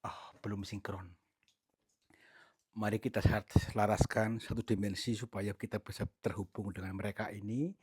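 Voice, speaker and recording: Male ghost-hunting vlogger, husky voice, hushed and apologetic. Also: fairly low pitch, fairly even intonation, normal speed. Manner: polite, pleading, often whispering. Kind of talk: hushed paranormal investigation.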